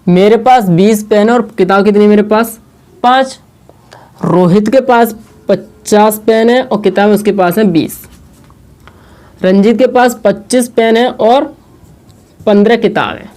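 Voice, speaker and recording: A man's voice: high-pitched, mellow. Man teaching, quizzing and answering himself. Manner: asks questions and answers them himself; slow, repetitive explaining. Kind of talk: classroom lesson at a board.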